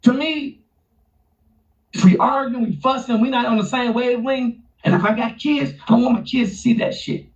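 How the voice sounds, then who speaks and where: A man co-hosting a talk show, talking in a profane, preachy and animated way. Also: very high-pitched, moderate pace. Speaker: podcast co-host. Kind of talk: casual chat. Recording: distant lo-fi mic.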